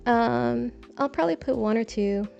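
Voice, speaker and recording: A woman's voice: fairly high pitch, normal speed, creaky, a little mellow. A young woman streaming from her balcony, chatting in a rambling, self-deprecating way as she plants seeds. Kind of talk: casual chat. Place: home balcony. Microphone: desk mic, braids brushing it. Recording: dull lo-fi sound with faint music.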